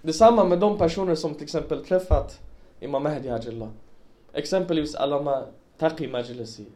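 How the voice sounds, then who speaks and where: A man's voice: a little high, dark tone. Man preaching, rising and falling. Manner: storytelling with rhetorical questions to listeners. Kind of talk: religious talk to a congregation.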